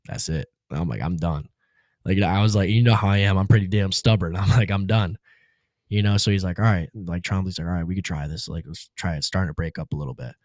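A man's voice: low voice, darkish tone, no room sound, studio quality. A man guest on a podcast, telling a personal story in a casual, laid-back way, full of slang like "dude" and "bro".

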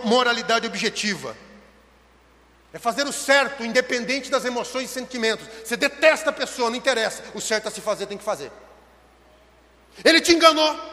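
Brazilian male pastor, very high and bright, preaching passionately in a church with long reverb. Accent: Brazilian Portuguese. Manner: impassioned, swings between shouting and hushed low tones. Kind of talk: sermon. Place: church hall.

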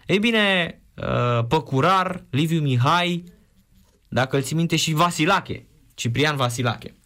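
A man in casual sports chat, an animated storyteller reminiscing about football. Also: on the high side. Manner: animated storyteller, shouts imitations.

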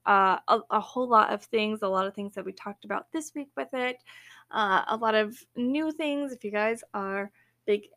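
A young woman talks through her solo podcast in an easygoing, upbeat way. She fills gaps with ums and "you know" and laughs lightly between thoughts. Her voice sits at an ordinary middle pitch. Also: gravelly, fairly bright tone. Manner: chatty and upbeat, with fillers and laughs. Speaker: podcast host. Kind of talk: casual solo podcast chat.

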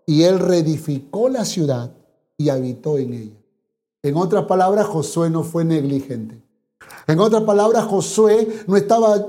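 A pastor delivering a sermon with a mellow, warm tone. The delivery is emphatic, driving points home through repeated phrases and pointed rhetorical questions. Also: medium pitch.

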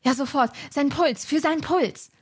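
A woman's voice: sits high, moderate pace, close to an everyday voice. A woman voicing a panicky teenage boy detective in a fan-written audio drama scene, frantic and accusing. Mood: panicked.

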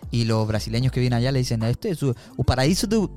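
A man's voice: mid-range voice, expressive, quick pace, darkish tone. A man co-hosting a podcast in casual chat, affirming his partner with repeated short agreements. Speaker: podcast co-host.

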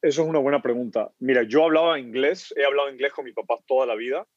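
In a casual podcast interview, a fast-talking Ecuadorian startup founder with a mid-range voice often repeats words mid-thought. Crowd noise can be heard, and the recording sounds dull, muffled, and dry.

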